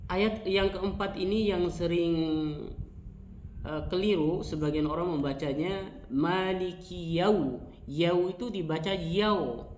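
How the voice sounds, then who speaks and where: Slow man teaching recitation in an echoey room. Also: high-pitched, darkish tone, slight background noise. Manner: slow, demonstrating each verse in a drawn-out chant. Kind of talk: online tajwid lesson. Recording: echoey, dull lo-fi audio.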